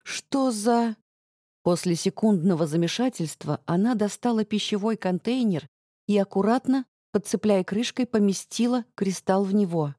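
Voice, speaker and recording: A woman reading a first-person story aloud in a steady, measured way. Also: medium pitch, dry recording, studio quality. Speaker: audiobook narrator. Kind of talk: scripted first-person narration.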